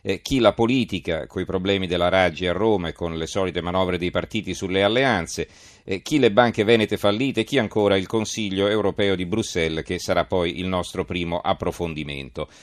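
A man's voice: sits low, normal speed, dry recording. A man hosting a live radio press review, reading out headlines and commenting on them. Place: radio studio.

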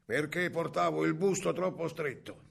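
A man's voice: a little high, normal speed, creaky. A man doing a sly, coaxing ogress-grandma. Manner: coaxing, falsely sweet.

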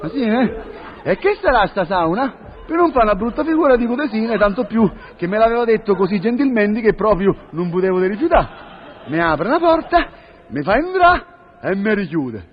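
A man's voice: high voice, sing-song, a little fast. A man telling a rustic comic monologue in first person, rambling and indignant, full of rhyming curses. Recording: lo-fi recording with faint audience.

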